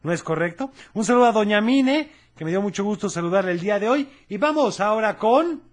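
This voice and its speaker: A man's voice: high-pitched, expressive, fairly quick. A man hosting a children's radio show, cheerful and talking straight to the kids.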